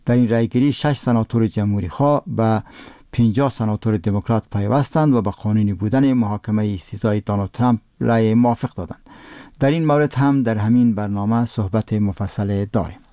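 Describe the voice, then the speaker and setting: A man's voice: fairly low pitch, warm tone, no room sound, studio quality. A man with an Afghan accent reads a scripted radio news bulletin in a solemn, formal newsreader manner.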